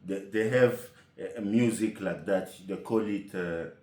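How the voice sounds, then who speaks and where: A man telling a comic story as a monologue, animated and indignant, firing rhetorical questions. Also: fairly low pitch, measured pace, reverberant.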